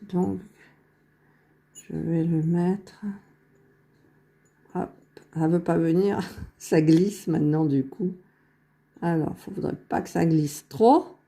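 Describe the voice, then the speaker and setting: A woman talking her way through a crafting tutorial, unhurried and thinking aloud as she works, correcting herself as she goes, close to her phone. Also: fairly low pitch, gravelly, warm tone, slightly rough. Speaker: crafting vlogger. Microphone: phone held very close to the face.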